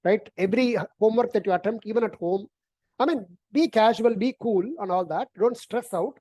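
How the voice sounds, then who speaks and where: Teaching an online algebra lesson, this woman has a fairly high-pitched yet dark-toned voice and speaks a little fast. Her explanations are conversational, with repeated words and a frequent "right?" at the end of sentences.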